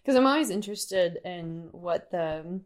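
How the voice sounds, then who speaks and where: A woman hosting a podcast conversation, asking measured, thoughtful questions. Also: on the low side, lively intonation. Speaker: podcast host. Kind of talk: casual conversation.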